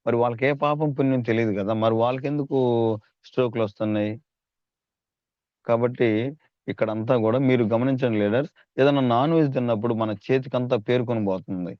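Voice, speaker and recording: A man's voice: mid-range voice, fairly quick, no room sound, highs cut off. A man giving a persuasive sales training talk, calling on his listeners and asking rhetorical questions. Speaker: network marketing trainer.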